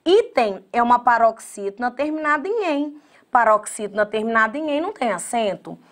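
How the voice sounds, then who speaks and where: A woman teaching an online exam-prep grammar lesson in a lively, chatty way, talking straight to her students. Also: high voice. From Brazil.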